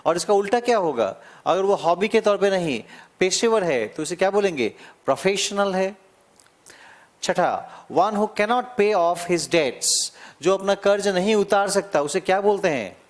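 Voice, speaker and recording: A man teaching an exam-prep vocabulary lesson, explaining slowly, drawing out key words, repeating them and checking in often. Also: sits high, expressive. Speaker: English teacher.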